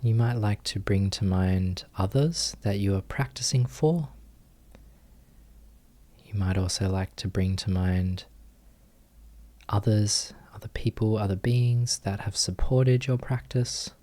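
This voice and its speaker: As a meditation teacher guiding a session, the man keeps his words soft and gentle. He uses short phrases, long pauses, and a fairly low pitch.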